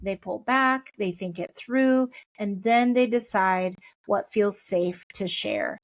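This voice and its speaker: A middle-aged woman hosting a parenting podcast, giving a chatty, encouraging pep talk and talking things through out loud. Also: medium pitch, animated, takes it slowly, dry recording.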